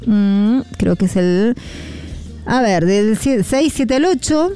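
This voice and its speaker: Warm-voiced Argentine woman radio host. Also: mid-range voice, expressive, takes it slowly, clear, resonant tone, soft background music. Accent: Argentine Spanish. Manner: rambling, hesitant, many fillers, encouraging. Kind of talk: devotional talk on air.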